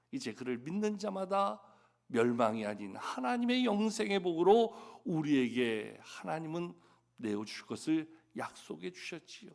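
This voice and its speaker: A man's voice: fairly high pitch, vocal fry. A man pastor preaching a Sunday sermon at a church service, telling stories and putting rhetorical questions to the congregation.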